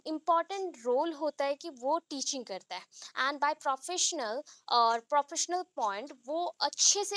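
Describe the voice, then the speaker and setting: A woman's voice: high-pitched, a bit bright. A woman teacher giving a class over a video call, explaining step by step and often checking whether the students follow. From India. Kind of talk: online class lecture.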